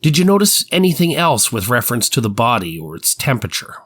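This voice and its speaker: Very animated and fast-talking, this man has a mid-range voice that is a bit bright with a breathy edge. As an 1890s prosecutor in a dramatized trial reading, he puts precise, formal, methodical questions to a witness. It's a courtroom transcript performance, probing and formal in mood.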